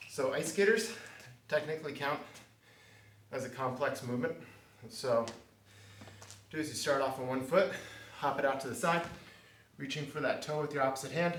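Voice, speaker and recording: A man leads a live bodyweight workout, giving brief instructions and counts with sighs as he catches his breath. His voice sits at a middle pitch and sounds set back from the mic, in a room with noticeable echo and faint background noise. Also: a bit bright. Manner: short spoken cues between exercises, sighs and catches his breath. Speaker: fitness instructor. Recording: echoey room, mic at a distance.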